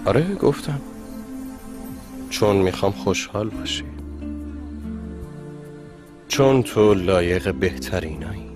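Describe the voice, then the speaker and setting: An earnest low-voiced husband. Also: male voice, animated, pauses often, music in the background. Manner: earnest, reasoning.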